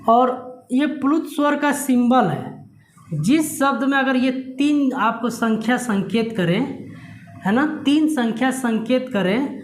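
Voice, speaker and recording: A male Hindi teacher giving a classroom lesson at a board. He dictates slowly word by word, repeats points and keeps checking that students follow. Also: very high voice, roomy sound. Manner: checks understanding with frequent questions.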